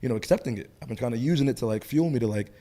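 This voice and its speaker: A man with a slight lisp, co-hosting a podcast and chatting casually as a coach, talkative and animated when telling stories. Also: medium pitch, rapid-fire. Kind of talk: casual chat.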